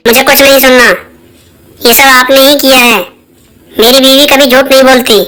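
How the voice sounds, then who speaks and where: A woman's voice: mid-range voice, fairly even intonation, a little slow, voice pushed down, natural voice. A woman voicing a hot-headed young husband in a cartoon moral story, scolding and indignant. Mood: angry. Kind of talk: cartoon voice acting.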